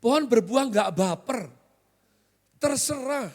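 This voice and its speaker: A man's voice: sits high, measured pace. A male pastor, preaching a sermon in a joking, conversational way and often quizzing the congregation. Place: large hotel hall used as church. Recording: long hall reverb.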